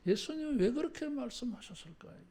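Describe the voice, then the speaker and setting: At a church service, a pastor with a high, mellow voice preaches quickly and with animation. The sermon is conversational, full of phrases tagged with a filler word, and the pastor asks the congregation to repeat lines, moving between formal and casual speech.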